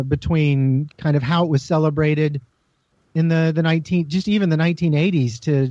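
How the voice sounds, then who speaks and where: A man co-hosting a casual podcast talks in a fairly high but mellow voice, circling and restarting his phrases. The recording is dry and slightly dull, like home podcast audio. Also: no room sound. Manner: rambling, halting, restarts phrases often. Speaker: podcast co-host. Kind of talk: casual group podcast chat.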